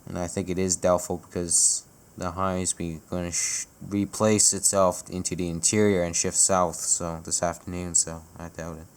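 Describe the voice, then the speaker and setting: A man's voice: low-pitched, little pitch movement, normal speed, clear, resonant tone. A young man, casually talking through the weather forecast as an amateur vlogger, swearing freely and often correcting himself. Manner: casual and profane, with frequent self-corrections. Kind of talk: casual chat.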